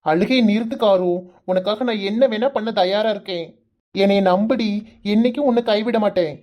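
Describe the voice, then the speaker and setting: A woman's voice: mid-range voice, normal speed, lo-fi sound, soft background music, lightly acted. A woman voicing a teasing, exasperated young man in a cartoon, with a Kanyakumari Tamil accent, coaxing and playfully scolding. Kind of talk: cartoon voice acting.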